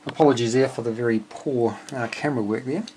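A radio hobbyist with a New Zealand accent presents his homemade receiver from a home workbench, talking fast in a warm, mid-range voice. His casual, unscripted explanation comes in short, hesitant phrases, and the home video recording is clearly noisy with clicks.

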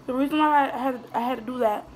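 A teenage vlogger chats fast in a slightly high voice while eating, answering viewer questions in a casual mukbang. She rambles with fillers and frequent restarts, sometimes mouth full, into a phone camera on the table of a small indoor room, with a faint hiss underneath.

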